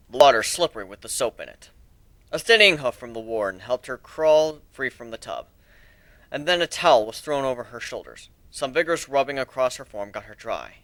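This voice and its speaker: Here a man narrates a story in a dramatic style, carefully measured and rich in expressive stress. He speaks at medium pitch, with no echo in the recording.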